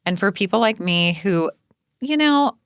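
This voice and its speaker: A woman's voice: medium pitch, animated, a little slow, clean tone, no room sound. A middle-aged woman from chats animatedly on her podcast, sometimes drifting into a cooing baby-talk tone. Her voice sits mid-range and is recorded close and dry, with no room sound. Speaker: podcast co-host. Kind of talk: casual chat. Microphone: studio microphone.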